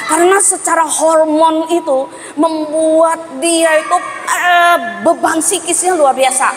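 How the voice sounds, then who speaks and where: A woman giving a lively parenting seminar, quizzing the audience and acting out parents and children. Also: sits high, a little hiss or hum. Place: school hall seminar. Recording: reverberant hall with faint ambience.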